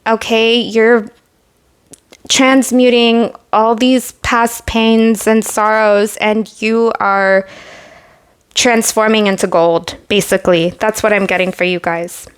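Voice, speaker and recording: A young woman with a fairly high voice talks through a tarot reading to her viewers. She rambles warmly with lots of "like" and "you know," sounding earnest and moved. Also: clean tone. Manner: chatty, many fillers, emotional and earnest. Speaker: tarot reader. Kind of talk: casual pick-a-card tarot reading.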